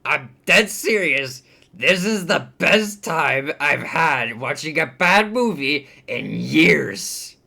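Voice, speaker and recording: Slow, profane, exasperated male movie ranter. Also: on the high side, animated, vocal fry, sharp tone. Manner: profane, exasperated, with swings between outbursts and mutters. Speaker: movie reviewer. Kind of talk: ranting movie commentary.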